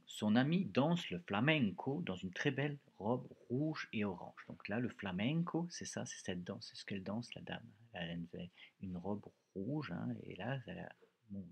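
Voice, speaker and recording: A man's voice: on the low side, gravelly, slightly rough. A male teacher leading a reading lesson for pupils, explaining words patiently and repeating phrases.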